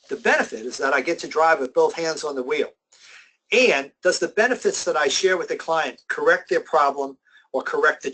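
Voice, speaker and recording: A middle-aged man giving a sales training webinar, emphatic and slowing down to stress his key points. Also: fairly high pitch, fairly bright tone, poor audio. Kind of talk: motivational webinar presentation.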